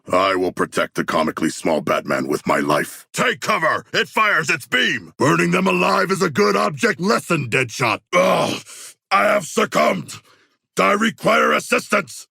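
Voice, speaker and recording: A man playing a hulking, earnest shark warrior in a video game, speaking in stilted, grandiose, formal phrases with a gravelly, rough voice. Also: mid-range voice, sharp tone, no echo, studio quality, full character voice. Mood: calm, formal, then urgent, booming. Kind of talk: video game character voice lines.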